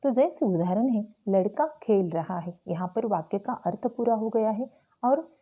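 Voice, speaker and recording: A woman teacher explaining a Hindi grammar lesson slowly and carefully to school students. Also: mid-range voice, lively intonation, husky, dull audio. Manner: slow, careful explaining with frequent "tो चलो".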